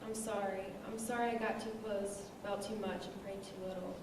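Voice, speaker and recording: A young woman reads poetry live with a nervous, hesitant delivery. She is distant from the microphone in a strongly reverberant room, with clear noise behind her. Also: medium pitch, little pitch movement, normal speed. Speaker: open mic poet. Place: echoey indoor room, live reading.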